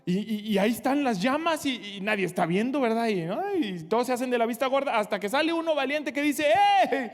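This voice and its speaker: Pastor guy preaching to the church, pretty high voice, big hall echo. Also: lively intonation, fast talker, hardly any pauses. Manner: earnest preaching, addressing the congregation directly, acting out short quotes. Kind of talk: sermon. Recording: long hall reverb.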